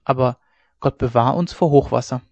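A man's voice: mid-range voice, normal speed, creaky, no echo, dull audio, natural voice. A man voicing an earnest, plain-spoken young farmhand.

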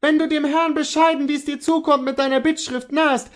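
A distraught young wife cries out in a high, shrill voice that breaks with alarm, as a male reader puts her on. Her pitch leaps and falls with every plea, frightened yet insistent. This is storybook reading of a classic tale. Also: lively intonation, normal speed.

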